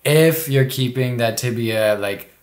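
A man's voice: mid-range voice, measured pace, roomy sound. A man casually breaking down climbing footage as co-host, talking in a loose, rambling way with many restarts.

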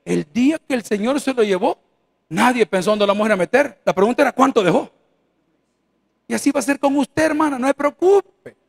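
In a church sanctuary, a pastor with a Salvadoran accent preaches a sermon in a very high-pitched, gravelly voice, talking fast. He's folksy and joking, and acts out the voices of the people he quotes.

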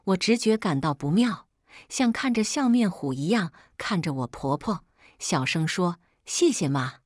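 A woman narrating a first-person family story in a conversational, exasperated way. Her voice sits low but moves a lot in pitch, and the recording is dry and close. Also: animated, moderate pace, no room sound.

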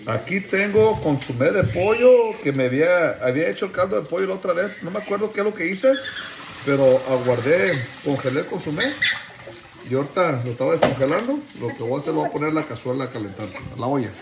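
A man's voice: fairly high pitch, lively intonation, quick pace, vocal fry, a little hiss or hum. A man, casually vlogging his family day and narrating his cooking, playful and tender with his baby.

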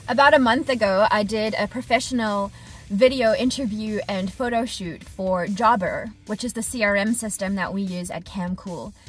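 Speaking at normal speed in a medium pitch with a breathy edge, a woman in her thirties records a casual vlog diary from her parked truck. She's an HVAC technician who owns her business, and she talks expressively, gesturing, to a dashboard camera at arm's length while faint music plays.

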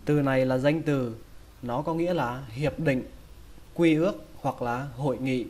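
A man's voice: mid-range voice, darkish tone. Vietnamese man teaching English pronunciation. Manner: slow, repeats each word several times. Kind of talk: pronunciation lesson.

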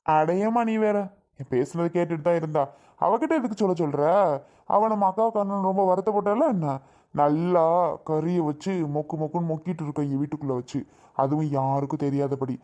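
A man's voice: on the high side, fairly quick, warm tone, natural voice. A man playing a grown son in a family skit, talking in a blunt, scolding way. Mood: scornful. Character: blunt adult son, irritable.

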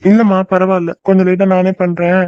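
A woman's voice: on the low side, little pitch movement, fairly quick, smooth, no echo, close to an everyday voice. A woman voicing a dutiful, homesick young son who works away from home, speaking earnestly and reluctantly. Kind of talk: cartoon voice acting. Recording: dull lo-fi dry recording.

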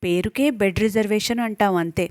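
A woman's voice: medium pitch, a little fast, darkish tone, dry recording, clean studio sound, natural voice. A woman voicing a firm, businesslike female hospital nurse in a storybook reading. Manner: firm, matter-of-fact.

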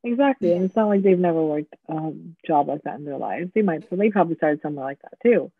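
A man hosting a podcast, telling stories in a casual, animated way and acting out the people in them. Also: a little high, fast talker, slightly rough, dry recording, phone-quality sound. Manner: animated storytelling with quoted voices. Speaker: podcast host. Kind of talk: casual chat.

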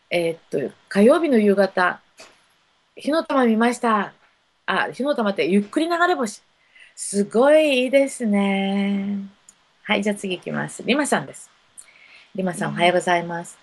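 A woman in the role of a spiritual counselor, offering readings to live-stream viewers. Her voice has a gravelly, slightly husky grain. She talks in a gentle, unhurried way with soft fillers between her thoughts. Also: mid-range voice, poor audio.

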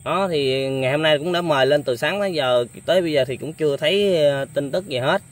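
A man's voice: on the high side, brisk, slight background noise. A young man hosting a casual interview, speaking politely with many hesitant fillers. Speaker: vlogger host.

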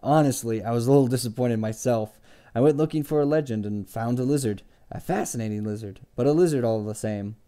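A man's voice: medium pitch, a little fast, dark tone, lightly acted. A man reading aloud and voicing an earnest, persistent young scholar.

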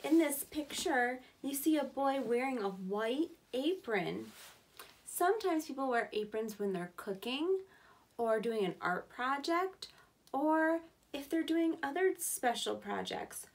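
A preschool teacher in her thirties reads a picture book aloud to young children, adding simple, encouraging explanations in a clear voice. Her voice sits high with big pitch swings and a slightly slow pace, recorded indoors a short distance from the microphone.

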